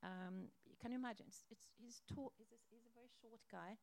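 A woman's voice: a little high, fairly quick, gravelly, darkish tone. A woman being interviewed, recounting a past negotiation in a reflective storytelling way, with emphatic asides. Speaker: interviewee, organization chairperson.

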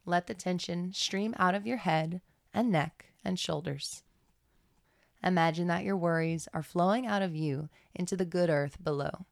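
A woman leads a guided meditation, reading in a measured, soothing way. Her voice sits low and carries plenty of fry. The sound is close and dry, with hardly any room in it. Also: no room sound. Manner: slow, soothing, measured delivery. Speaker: podcast guest reading aloud.

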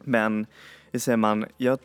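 A man's voice: on the low side, little pitch movement, clear, resonant tone. A man hosting a music podcast, chatting casually and enthusiastically, often stopping to search for the right word. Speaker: podcast host. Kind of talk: casual chat introducing songs.

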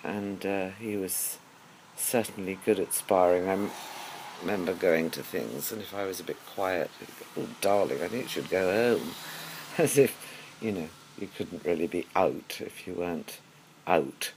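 An older man, giving a halting, wry personal monologue as host of his own audio series. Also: deep voice, a little hiss or hum, low-quality recording. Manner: musing, halting, with wry humour. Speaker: podcast host.

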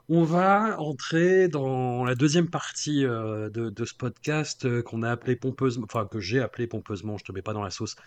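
A man with a French accent hosting a podcast, relaxed and playful, often repeating words as he talks. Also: mid-range voice, no echo. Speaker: podcast host. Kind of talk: casual podcast chat.

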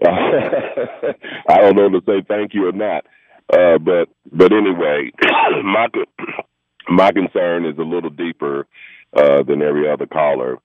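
A man's voice: low voice, a little slow, no echo. A man calling in to a radio show over the telephone, talking in an insistent, rambling, argumentative way. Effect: heard over a telephone line. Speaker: radio call-in caller. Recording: tinny phone line, dry.

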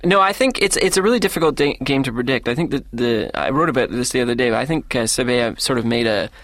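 A man's voice: mid-range voice, animated, fast, a bit bright, no room sound. Hesitant man musing about football. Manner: hesitant, many fillers and restarts. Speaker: football writer, panelist. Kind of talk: casual sports chat.

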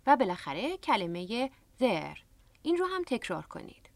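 A woman with a somewhat high, animated voice hosts a radio language lesson. She explains each word patiently and step by step. The sound is close and dry, straight from a studio microphone. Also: creaky, dry recording. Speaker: English teacher and radio host.

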